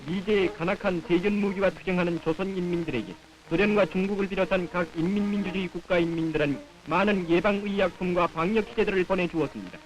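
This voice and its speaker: A man's voice: sits high, fast talker, low-quality recording. A man with a North Korean accent reading scripted 1950s propaganda newsreel narration in a solemn, declamatory manner on an old film soundtrack.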